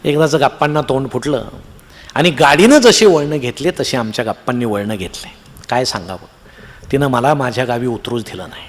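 A man's voice: medium pitch, a little fast, in a large hall. A man with a Marathi accent telling a comic story on stage, acting out the voices of the people in it. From Maharashtra, India. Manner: animated, acts out voices of the characters in the tale. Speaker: humorous storyteller.

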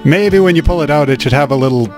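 This let's play host talks fast in a fairly high voice, translating the on-screen game and commenting on it. His style is casual and wry with dry humor, and game music plays behind him.

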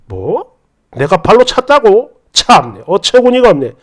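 A man's voice: high voice, big pitch swings, a little slow, voice pushed down, full character voice. A woman voicing a rude, scornful man stranger who talks down in a sneering, dismissive way.

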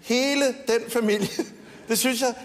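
A man's voice: very high-pitched, fairly even intonation. A man giving a roast speech on stage, teasing the guest and laughing at his own jokes. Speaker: roast speaker. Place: TV studio stage with audience. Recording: long hall reverb, faint noise.

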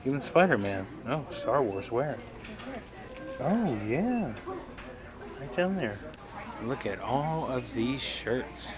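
A man's voice: medium pitch, sing-song, takes it slowly, pauses often, a crowd in the background. A man talking casually while filming a walk through a gift shop, pointing things out as he goes. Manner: chatty, points things out as he films. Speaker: vlogger.

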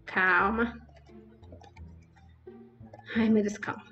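A woman's voice: mid-range voice, steady tone, extremely slow, lo-fi sound, faint music behind. A woman giving chatty, exclaiming commentary over her Roblox gameplay and talking straight to her viewers. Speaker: gaming YouTuber.

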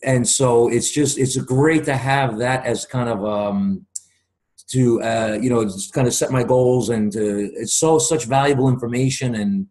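A man's voice: mid-range voice, measured pace, a little mellow. Man in his forties, earnest and talkative, chatting over a webcam from a room at home, casual video call. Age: 40s. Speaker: guest.

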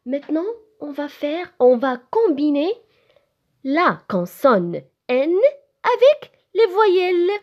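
A woman with a Moroccan French accent teaching a recorded lesson to young children, slow and sing-song, spelling letters one by one. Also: sits high, sing-song, muffled recording. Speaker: preschool teacher.

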